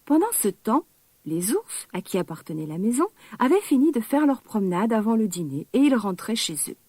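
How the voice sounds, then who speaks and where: A woman reads a children's fairy tale aloud in a gentle, expressive manner, slowing down on key words. Her voice is a little high and breathy. The sound is close and dry. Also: dry recording. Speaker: storyteller. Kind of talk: children's story narration.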